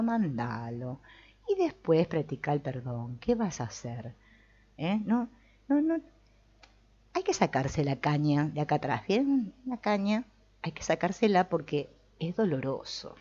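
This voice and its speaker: Lively Rioplatense woman teaching, lo-fi. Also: on the low side. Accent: Rioplatense Spanish. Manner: animated, acts out quoted voices, colloquial humor. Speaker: spiritual teacher. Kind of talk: informal spiritual talk. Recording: dull lo-fi recording.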